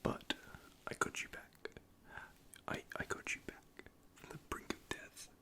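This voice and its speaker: In an ASMR roleplay, a man plays an android repair technician who is nervous but caring. He explains things gently in a soft, breathy half-whisper, unhurried and stammering hesitantly.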